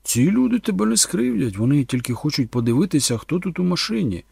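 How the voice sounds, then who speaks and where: A man's voice: mid-range voice, sing-song, quick pace, gravelly, a little mellow, breathy edge, no echo, studio quality, heavily acted. A man playing a firm, worried father. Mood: reassuring. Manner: soothing, then barking orders.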